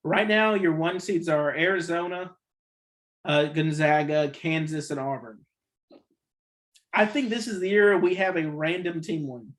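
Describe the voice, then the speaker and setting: A man's voice: on the high side, unhurried, fairly bright tone. A man hosting a casual sports podcast, rambling and opinionated, correcting himself often, with the hiccups. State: has the hiccups. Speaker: podcast host.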